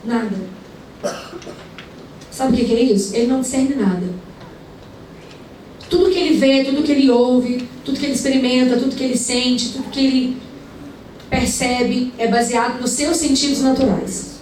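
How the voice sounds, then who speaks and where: Woman preacher, high voice, storytelling sermon, very echoey hall, distant mic. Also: normal speed, pauses often. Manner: conversational, rhetorical questions, lively retelling. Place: large indoor event hall. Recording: echoey hall, mic far away, faint room noise.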